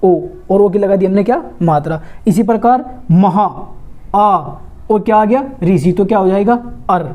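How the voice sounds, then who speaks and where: A woman teaching a grammar lesson for exam students, asking questions and answering them herself, slowly drawing out and repeating sounds. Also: mid-range voice, dark tone. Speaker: Hindi teacher.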